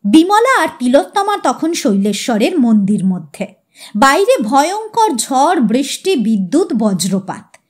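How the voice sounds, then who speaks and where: Brief: woman narrator of a comic story, high voice, lively unhurried telling. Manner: expressive, animated reading. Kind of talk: reading a humorous story aloud.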